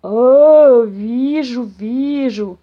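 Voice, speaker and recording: A woman voicing a huge, slow, half-deaf old papa bear who talks in a booming, puzzled way. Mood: confused. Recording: dull lo-fi audio.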